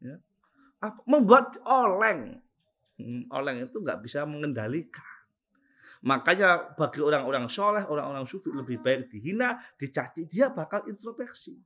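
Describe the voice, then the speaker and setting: Animated Javanese-accented man teaching religion. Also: fairly high pitch, moderate pace. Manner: animated, swings between loud stresses and soft asides, chuckles often; repeats and explains terms for his students. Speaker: Islamic teacher at a boarding school. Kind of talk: casual Ramadan religious study talk.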